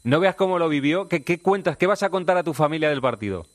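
A man's voice: fairly high pitch, expressive, dry recording. A man from Spain hosting a radio show, chatty and enthusiastic as he interviews a guest. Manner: chatty, enthusiastic, fast-talking. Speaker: radio host.

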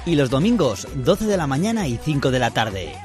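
Lively man announcing a radio ad. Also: mid-range voice, moderate pace. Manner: punchy announcer delivery. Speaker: commercial announcer. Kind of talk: radio ad voice-over. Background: music.

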